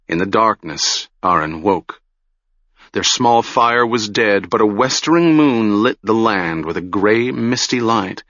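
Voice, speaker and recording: A man narrates a fantasy audiobook in a slow, deliberate manner. His voice sits low with a forceful brightness, and it sounds dry and close on a dull, slightly lo-fi recording. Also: dry recording.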